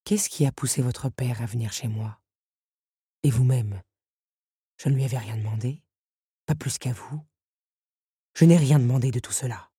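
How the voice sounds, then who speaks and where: A woman's voice: moderate pace, long pauses, mellow, husky, no room sound, clean studio sound, heavily acted. A woman voicing the Beast, a proud, bitter male creature, in an audiobook reading. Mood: curt. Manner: bitter, low and curt.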